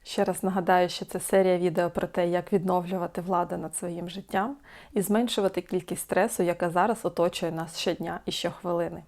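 Calm coaching woman, lowish voice. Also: a little fast. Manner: calm, coaching, asks many questions. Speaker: support group host. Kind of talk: self-help video talk to camera.

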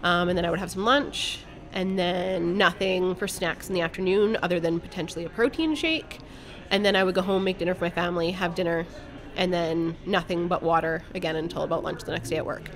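A woman's voice: lowish voice, brisk. A woman guest on a podcast, telling a personal story in a candid, blunt way and swearing casually. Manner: candid, blunt, speaks her mind.

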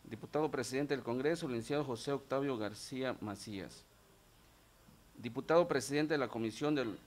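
A government secretary whose first language is Ch'ol reads a formal address from prepared notes before a legislative committee. He speaks at a medium pitch while wearing a face mask, into a gooseneck mic on the table of a legislative meeting room.

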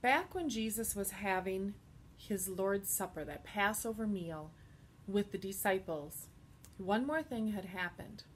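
A woman with a medium-pitched voice teaches a children's Bible lesson, telling the story slowly and expressively and pausing to explain simple words. A little hiss or hum can be heard in the recording.

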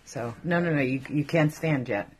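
A middle-aged woman in casual conversation, gently coaxing and reassuring as a parent, explaining things simply. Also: low voice, normal speed, noisy background. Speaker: parent looking after a patient. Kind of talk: casual chat. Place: small recovery room, indoors.

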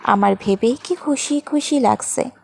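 A woman's voice: fairly high pitch, unhurried, creaky, darkish tone. A woman reading a story voices a bubbly, chatty young woman.

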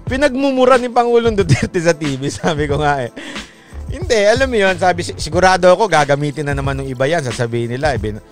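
A man's voice: a little high, lively intonation, fast talker, soft background music. A man giving casual, rambling commentary, chatting with polite asides and laughing at his own jokes.

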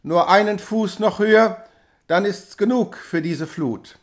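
A man voicing a stern dike reeve who shouts commands in anger. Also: a little high, a little slow. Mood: urging.

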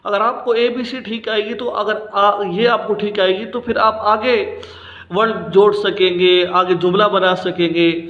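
A man in his thirties teaching the alphabet for Quran reading, speaking patiently and plainly and drawing out each letter slowly so listeners can repeat it. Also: high voice, steady tone, roomy sound, highs cut off. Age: 30s. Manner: slow, drawn-out letter pronunciations for repetition. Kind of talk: recorded alphabet lesson for parents.

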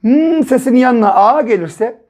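A male primary school teacher speaks to young children in a slow, patient voice. He sounds out syllables one at a time and repeats each one. He keeps checking that the children are following along. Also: extremely high pitch, lively intonation, darkish tone. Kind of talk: early reading and writing lesson for children.

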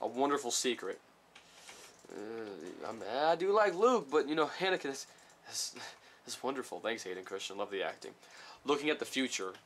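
A man chatting casually while unboxing trading cards, rambling and reading each card title aloud slowly, a little sick. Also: mid-range voice, sing-song, fairly bright tone. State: slightly sick. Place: small room at home.

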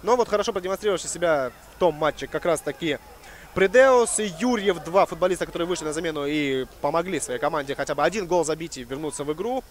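A man's voice: on the high side, a little hiss or hum. A man giving live football commentary as a match commentator.

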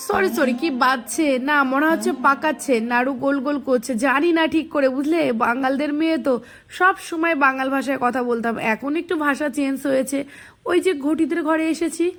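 A middle-aged woman with a hoarse voice, chatting to viewers in a casual home vlog. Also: high voice, brisk, fairly bright tone, faint music behind. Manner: chatty, addresses viewers directly. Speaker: vlogger. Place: family home, in and out of doors.

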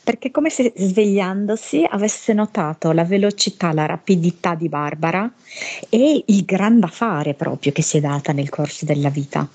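A woman with a northern Italian accent speaks slowly and hesitantly as she channels during a hypnosis session. Her voice is low, husky and mellow. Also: animated. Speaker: hypnosis medium.

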